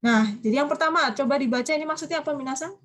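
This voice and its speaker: Lady teacher, bit high voice, keeps quizzing the class, chatty and upbeat. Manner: lively, coaxing students with questions, quick asides. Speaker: Japanese language teacher. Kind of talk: online class lecture.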